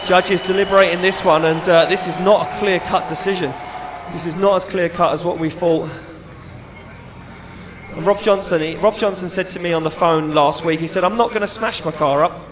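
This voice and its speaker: A man's voice: high voice, fairly even intonation, moderate pace. A middle-aged man doing live motorsport commentary and chat, emphatic and enthusiastic, repeating phrases for effect. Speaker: motorsport event commentator and announcer. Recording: crowd noise behind trackside commentary. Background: event crowd.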